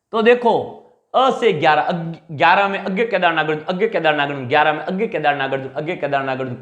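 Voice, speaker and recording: A male teacher drills memory tricks for an exam, firing questions and answering them himself. His voice sits fairly high and swings up and down. The room around him is echoey. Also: a little fast. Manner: animated, repeats answers as call-and-response drills. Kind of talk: mnemonic lecture.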